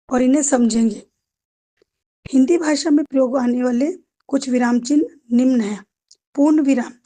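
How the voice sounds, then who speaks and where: A woman teacher walks school students through a grammar lesson, speaking to them fondly as her children. Her voice sits high yet sounds mellow and soft-edged. She keeps asking the class questions and then answers them herself. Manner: addresses students affectionately as children.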